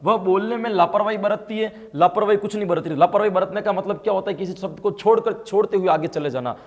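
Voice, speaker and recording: Emphatic high-pitched Indian male teacher. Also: fast talker, big-room sound. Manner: explains by asking and answering his own questions, with frequent tag questions; grows louder and more emphatic when stressing key points. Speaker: exam-prep teacher. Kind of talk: online class lecture.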